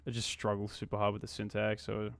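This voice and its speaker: Man in his 20s from Australia, laid-back streamer who thinks aloud in slang; smooth, close, dry sound. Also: fairly low pitch, monotone, fast talker, no echo. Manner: mutters to himself, slangy. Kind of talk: casual live-stream chat while coding.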